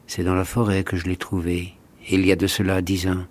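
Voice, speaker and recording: A stern, kindly old woodcutter from a fairy tale, as a man reading the story puts him on. His voice is low and quiet, with a flat, unhurried delivery. He speaks with grave reproach.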